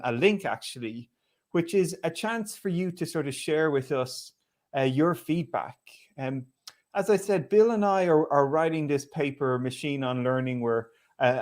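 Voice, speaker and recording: A man with an Irish accent hosting a relaxed conversation, talking in a chatty way with lots of fillers and restarts. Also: a little high, moderate pace. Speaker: host. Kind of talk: casual conversational talk.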